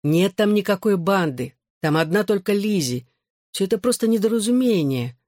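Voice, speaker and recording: A patient young man talking someone down in a calm, earnest, soothing voice, as a male narrator reads him. He sounds close to the reader's own voice, mid-pitched and steady. The recording is dry. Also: moderate pace, no room sound, natural voice.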